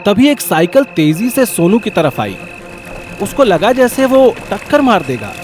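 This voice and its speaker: Brief: male storyteller, animated and wry, slightly high voice, soft music behind. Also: a little slow. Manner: lively, wry comic narration. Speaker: narrator. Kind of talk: scripted storytelling narration.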